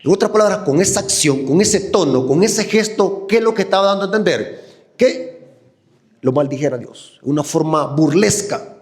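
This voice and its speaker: Salvadoran preacher man, mellow and animated. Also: high-pitched, normal speed. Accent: Salvadoran Spanish. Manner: animated, asks the congregation questions. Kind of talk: sermon.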